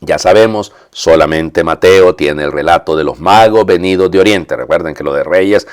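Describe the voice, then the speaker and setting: A man preaching a homily as a priest, teaching with frequent asides to the congregation and pausing to explain Greek words. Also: low voice. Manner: many fillers and restarts, explains Greek terms. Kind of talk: Epiphany homily after a Gospel reading.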